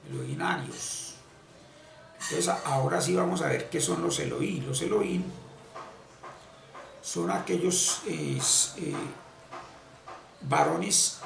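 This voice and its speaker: A man giving an unscripted esoteric religious lecture, halting and repeating phrases as he searches for words. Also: on the high side, gravelly, a bit bright, recorded from a distance. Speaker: esoteric spiritual teacher. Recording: echoey room, voice off-mic, faint ambience.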